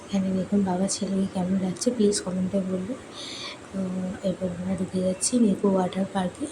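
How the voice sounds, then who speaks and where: A young woman from West Bengal chats cheerfully to her viewers while vlogging, talking to them directly. Her voice is slightly hoarse, and her pitch sits in a middle range. Clear outdoor noise runs under her speech. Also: monotone, fast. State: hoarse from swimming. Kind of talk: casual vlog narration. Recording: noisy outdoor ambience.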